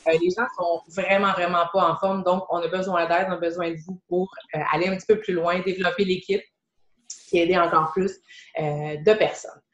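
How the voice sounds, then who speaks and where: A chatty woman in her thirties with a Québécois accent speaks on a live video call as a fitness coach, her voice a touch low. She rambles casually with plenty of "euh"s and restarts. The sound is roomy and a little dull, like a lo-fi webcam mic. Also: flat delivery, brisk. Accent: Québécois French.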